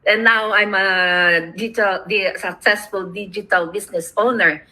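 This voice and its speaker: A woman's voice: mid-range voice, steady tone, normal speed, sharp tone, poor audio. A middle-aged woman from the Philippines, hosting a casual chat over a video call, rambling and laughing often. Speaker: host.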